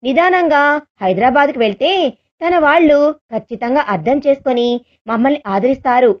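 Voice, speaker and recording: A soft, reassuring young man, as a woman storyteller reads him in a high voice. He speaks in a gentle, caring tone over a dull, lo-fi recording. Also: animated, moderate pace. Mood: earnest. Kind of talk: read-aloud story dialogue.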